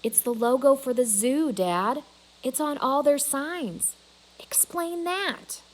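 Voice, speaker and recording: A woman's voice: high-pitched, slow, pitched above the performer's own voice. Woman reading as an eager, insistent young girl. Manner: emphatic, pleading.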